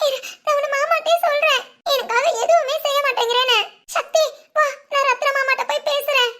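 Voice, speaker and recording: A woman's voice: extremely high pitch, fairly even intonation, fairly quick, bright, forceful tone. A woman voicing a teasing young married sister in a cartoon, giggly and wheedling. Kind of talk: cartoon voice acting.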